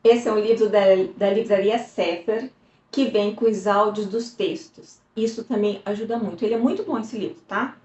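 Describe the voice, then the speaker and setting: A woman's voice: mid-range voice, steady tone, normal speed, darkish tone, muffled recording. Woman teacher, chatty and explanatory, echoey room. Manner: chatty, explanatory, frequent "tá?" check-ins. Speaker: Hebrew teacher. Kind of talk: casual teaching video.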